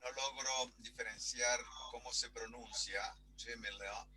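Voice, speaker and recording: A man's voice: mid-range voice, steady tone, a little slow, pushed and bright, slight background noise, poor audio. A man taking an online French class, asking hesitantly how to pronounce a verb. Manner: hesitant, asks carefully about pronunciation. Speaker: student.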